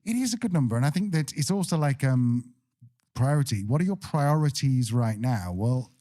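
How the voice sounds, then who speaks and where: A man's voice: medium pitch, expressive, moderate pace, dark tone. A man co-hosting a podcast in casual chat, joking and playfully sarcastic. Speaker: podcast co-host.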